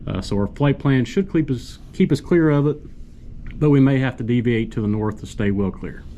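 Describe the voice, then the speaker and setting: A man's voice: mid-range voice, normal speed, mellow. A man giving a casual flight briefing as a pilot vlogger. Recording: faint vehicle background noise.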